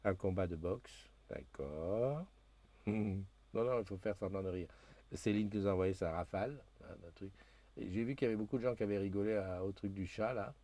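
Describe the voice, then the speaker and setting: A man's voice: fairly low pitch, a little fast, dark tone. A man hosting a casual live stream, chatting loosely with many fillers and restarts as he reads viewer comments aloud into a new desk microphone. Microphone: new desk microphone being tested.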